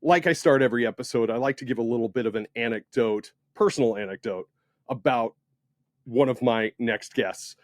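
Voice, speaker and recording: A man's voice: medium pitch, a little fast, dry recording. Enthusiastic podcast host man, dry sound. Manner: enthusiastic, animated with swings in loudness. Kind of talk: casual interview.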